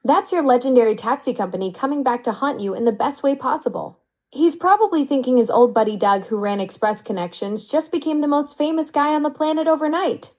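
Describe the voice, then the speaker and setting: A synthetic woman's voice of an AI chat assistant, upbeat and flattering with smooth, even delivery. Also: high voice, a little fast. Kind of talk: conversational AI reply.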